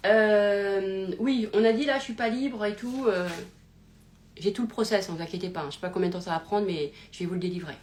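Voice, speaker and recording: A woman hosting a live talk, theatrical and animated, swinging from loud exclamations to low mutters, laughing often and interrupting herself. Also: a little fast, slight background noise. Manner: laughs often, many fillers and self-interruptions. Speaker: host of a live self-help talk. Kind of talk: casual live-stream monologue.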